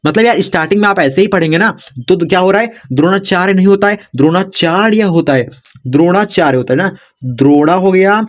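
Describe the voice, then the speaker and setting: A high-voiced man teaches an informal spoken lesson, patiently repeating himself and coaxing his students along with frequent uses of "dekho" and "yaar." The audio has its high frequencies cut off.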